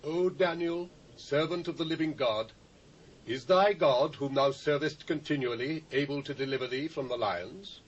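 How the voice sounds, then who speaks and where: A man's voice: on the high side, moderate pace, close to an everyday voice. A British actor playing a solemn, commanding ancient king in a dramatised Bible reading, with grand, declamatory delivery. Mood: anguished. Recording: muffled old cassette with faint hiss.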